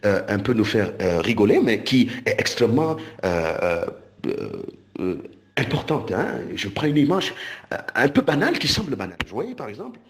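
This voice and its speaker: Lively preacher man. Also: fairly low pitch. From Cameroon. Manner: animated, repeats and restarts words, stretches of slow emphasis. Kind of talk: recorded sermon.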